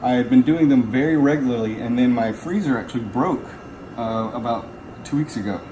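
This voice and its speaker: In an echoey garage with clear background noise, a man who practices ice baths talks casually about his own experience. He speaks a little fast, at a medium pitch.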